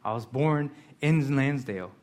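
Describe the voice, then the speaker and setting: A man who grew up in Korea, preaching a sermon in an earnest way, moving between quiet reflection and emphatic questions. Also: mid-range voice, animated, measured pace. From South Korea. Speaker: pastor.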